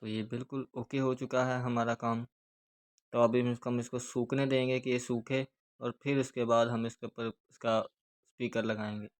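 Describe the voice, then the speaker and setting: A man with a Pakistani Urdu accent giving a hands-on speaker repair tutorial, explaining each step steadily as he works. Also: mid-range voice. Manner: steady, repetitive explaining while working with hands.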